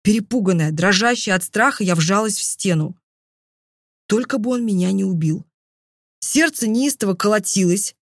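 A woman narrating a first-person fantasy audiobook with an expressive, dramatic reading. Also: mid-range voice, normal speed, dry recording, studio quality.

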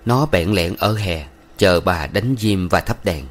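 Low-voiced man narrating a novel. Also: a little slow. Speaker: audiobook narrator.

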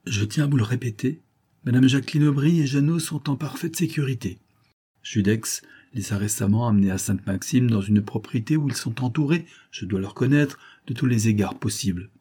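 A man reading an audiobook, voicing a scheming female adventuress who speaks with false gentleness and coaxing persuasion. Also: mid-range voice, fairly quick, breathy edge, pitched above the performer's own voice, natural voice. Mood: persuasive.

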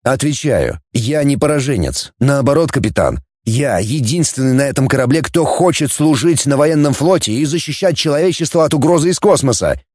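A man's voice: medium pitch, expressive, brisk, hardly any pauses, a little mellow, no room sound, clean studio sound, natural voice. A man voicing a young junior space officer who argues his case with earnest, fervent conviction.

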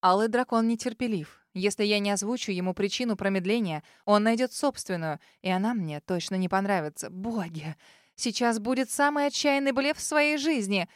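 A woman narrating a first-person fantasy audiobook with an expressive, tense dramatic reading. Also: medium pitch, moderate pace, no room sound, studio quality.

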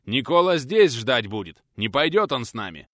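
A man voicing a bearded former outlaw, pious and stubborn, speaking in a gruff, drawling, emphatic way. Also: medium pitch, sing-song, normal speed, fairly bright tone, no echo, clean studio sound, pitched above the performer's own voice.

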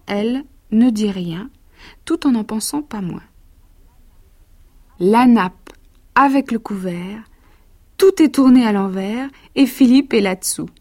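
A woman with a fairly high voice reads rhymed children's stories at an unhurried pace. Her delivery is rhythmic and expressive. She drops into a quieter, quicker tone when she reminisces between the verses. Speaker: actress reading childhood stories.

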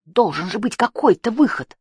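A woman voicing an earnest, brave young male hero who shouts urgently. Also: fairly high pitch, very animated, measured pace, husky, no room sound, pitched above the performer's own voice, full character voice. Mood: desperate.

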